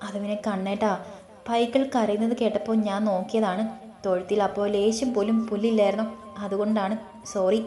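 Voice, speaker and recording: A woman's voice: medium pitch, level tone, a little fast, warm tone, lightly acted. A woman voicing a shy, timid young wife in an audio romance story, speaking meekly and apologetically. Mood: apologetic. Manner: meek, apologetic. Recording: roomy echo.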